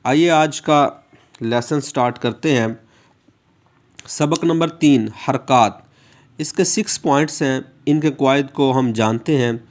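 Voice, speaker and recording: Man, unhurried teaching pace, mid-pitched voice, stretched-out syllables. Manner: slow, patient, drawn-out letter sounds for repetition. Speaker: Quran reading teacher. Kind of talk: step-by-step recitation lesson.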